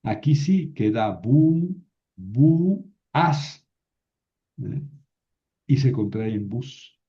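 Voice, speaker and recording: Slow, patient teacher. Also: male voice, on the low side, expressive, warm tone. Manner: patient, halting explanation with many fillers and tag questions. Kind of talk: lecture on grammar. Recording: slightly dull, lo-fi sound.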